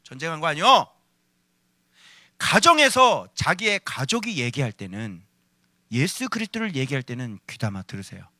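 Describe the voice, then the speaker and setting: A male pastor preaching with energy, scolding with rhetorical questions, shouting out some phrases and then dropping to a low voice. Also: sing-song, normal speed, no room sound. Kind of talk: sermon.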